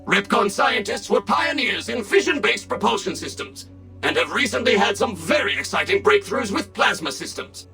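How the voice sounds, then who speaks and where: Game robot guide: male, too-smooth android voice, high and bright, eager to serve, over faint music. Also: expressive, normal speed, full character voice. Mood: cheerful guide. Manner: polished, sing-song, eager-to-serve delivery. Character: smooth, overly courteous male service robot.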